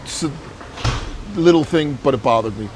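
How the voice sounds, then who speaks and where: A man's voice: mid-range voice, lively intonation, moderate pace, darkish tone, a little hiss or hum. A man venting bluntly about a movie in a casual chat outdoors, swearing and complaining freely. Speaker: movie reviewer.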